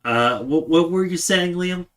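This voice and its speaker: A man's voice: sits high, unhurried, a bit bright. A man narrating a tabletop game as game master, describing scenes and often restarting his sentences.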